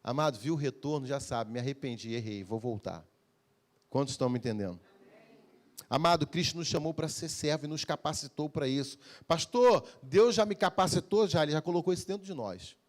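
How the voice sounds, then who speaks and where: A man preaching a Sunday evening sermon as pastor, calling for amens and acting out everyday conversations. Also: on the high side. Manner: preaching with call-and-response, acting out everyday dialogues. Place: church service.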